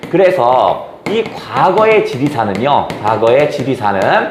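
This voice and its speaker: A man teaches a literature class, retelling the plot and jumping his voice up to act out the characters' lines. His pitch sits a little high and swings widely. The room adds a noticeable echo. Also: a little hiss or hum. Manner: animated, acts out quoted lines with raised pitch, asks rhetorical questions. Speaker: Korean literature lecturer. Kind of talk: exam-prep literature lecture.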